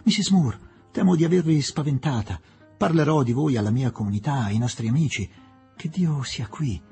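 A man playing an excitable, courteous young doctor who speaks emphatically and earnestly. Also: mid-range voice, moderate pace, breathy edge, faint music behind.

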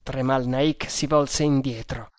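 A man reading an adventure novel aloud as audiobook narrator, in a measured, dramatic manner. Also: medium pitch, steady tone, dry recording.

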